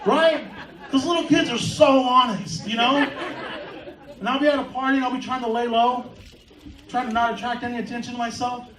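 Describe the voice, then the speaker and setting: Man with a very high voice doing stand-up from a far mic in a noisy club, rambling bits with shouted punchlines. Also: fairly even intonation, brisk, crowd noise. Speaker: stand-up comedian. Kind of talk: stand-up set. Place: comedy club stage. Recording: echoey club, far mic, audience laughter.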